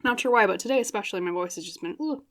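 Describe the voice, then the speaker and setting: A young woman gives a casual, chatty tarot reading, full of fillers and quick laughs as she thinks out loud. Her slightly bright, medium-pitched voice is becoming somewhat scratchy.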